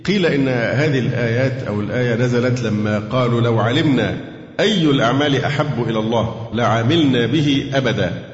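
A man with an Egyptian accent leads a Quran grammar lesson, keeps putting questions to his students and slows down to recite verses. His voice sits at an ordinary pitch. It is captured on a dull, lo-fi recording that rings with long reverb, as in a large hall. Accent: Egyptian Arabic. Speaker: Quran teacher. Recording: echoey hall, dull lo-fi sound.

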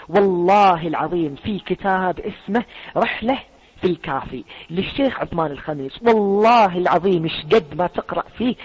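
A man's voice: high voice, husky. A man making an earnest spoken declaration, repeating oaths and restarting words. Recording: muffled lo-fi audio.

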